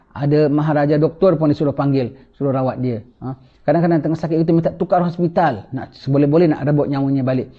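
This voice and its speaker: A religious teacher preaches quickly in a fairly high voice. He keeps checking in with his listeners as he goes. The recording is dull and lo-fi. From Singapore. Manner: rapid, animated preaching with frequent "ha?" prompts. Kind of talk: religious lecture.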